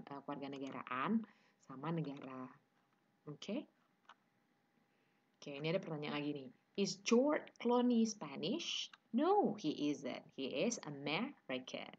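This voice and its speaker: Low husky Indonesian-accented teacher. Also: female voice, muffled recording. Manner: mixes Indonesian and English, drills word pairs slowly. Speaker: English teacher. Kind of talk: online class lecture.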